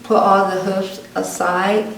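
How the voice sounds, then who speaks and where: A woman's voice: mid-range voice, slow pace, creaky. A Pueblo woman from New Mexico telling a family story in an oral history interview, acting out the voices of her relatives. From Pueblo community, New Mexico. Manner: lively storyteller who acts out family dialogue. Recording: roomy, distant, faint background noise.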